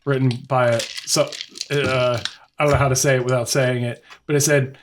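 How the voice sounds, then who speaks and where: A man co-hosting a podcast in casual chat, joking and swearing, halting with fillers. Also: mid-range voice, level tone, a little hiss or hum. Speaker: podcast co-host.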